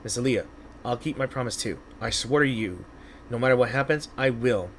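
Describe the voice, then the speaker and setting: A man voicing an earnest, steadfast squad captain from a game, formal and measured. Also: medium pitch, a little hiss or hum, lightly acted. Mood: determined.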